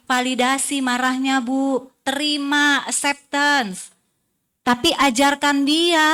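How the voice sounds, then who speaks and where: A woman, a psychologist giving a lively parenting seminar and quizzing the audience. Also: fairly high pitch. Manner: chatty, asks the audience questions. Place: seminar hall.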